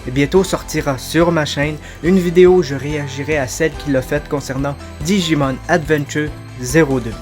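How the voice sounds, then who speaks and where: A man with a slightly high voice talks straight to his viewers, loose and self-deprecating. He introduces his reaction video casually, with faint music under his voice. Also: fairly even intonation, moderate pace, hardly any pauses.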